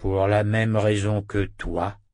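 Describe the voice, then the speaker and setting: A man voicing a loyal, humble male talking wolf, low and slow, in an audiobook. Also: little pitch movement, a little mellow, dry recording, clean studio sound.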